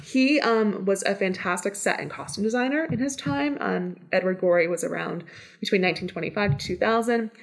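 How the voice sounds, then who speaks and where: A woman's voice: medium pitch, fairly quick, creaky. A woman explaining things informally and enthusiastically as an interview guest, on a meeting room mic in a conference room. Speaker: podcast guest, special collections manager. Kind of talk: casual explanatory interview chat.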